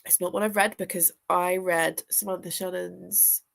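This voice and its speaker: Here the same booktuber and teacher sounds fairly low and gravelly, still fairly bright, moving at a normal speed with mostly even intonation. Congested and sniffly from a chest infection, she rambles casually with her live-stream viewers during a reading sprint. Fillers pile up as she greets people in the chat.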